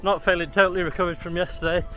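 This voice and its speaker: A man's voice: high voice, flat delivery, racing, a bit bright, soft background music. A man chatting casually to his viewers while he jogs outdoors. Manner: talking while jogging. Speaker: running vlogger. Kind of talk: casual vlog talk to viewers. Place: outdoors, on a run.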